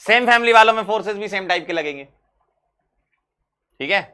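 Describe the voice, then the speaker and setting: A male chemistry teacher with a bright, forceful voice that sits a little high. He talks in a lively way, repeats his key phrases, and asks questions that he answers himself. The lesson is for exam preparation. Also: fairly quick, smooth.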